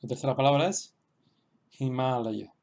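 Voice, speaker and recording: A man explaining a writing lesson slowly, with frequent fillers and restarts. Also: mid-range voice, darkish tone. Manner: hesitant, many restarts and fillers; slow, explanatory. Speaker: language teacher. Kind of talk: online lesson.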